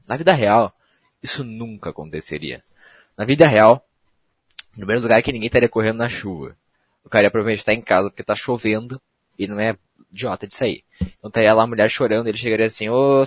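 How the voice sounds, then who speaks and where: Rambling, slangy young podcaster. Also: male voice, on the low side, breathy edge, no echo. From Brazil. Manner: rambling, slangy, self-mocking. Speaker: podcast host. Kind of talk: casual solo podcast monologue.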